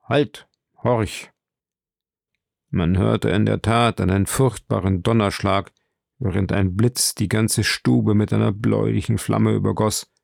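A man narrating an audiobook in a measured, dramatic way. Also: lowish voice, flat delivery, vocal fry, darkish tone, no room sound, clean studio sound.

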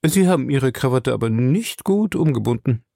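A man's voice: medium pitch, animated, normal speed, gravelly, mellow, dry recording, clean studio sound. A man reading an audiobook voices a composed manservant who speaks in a proper, polite way. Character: composed older male servant, proper and polite. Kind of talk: audiobook character voice.

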